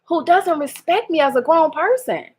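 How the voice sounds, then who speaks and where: A woman's voice: very high-pitched, animated, normal speed. A woman, talking candidly in a personal vlog, hurt and laughing ruefully through her restarts. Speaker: vlogger.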